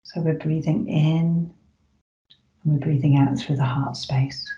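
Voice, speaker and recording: Meditation guide, soothing slow delivery, near-whispered moments, mellow tone, roomy slightly muffled recording. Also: medium pitch, steady tone. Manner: soft, slow, soothing delivery with drawn-out pauses.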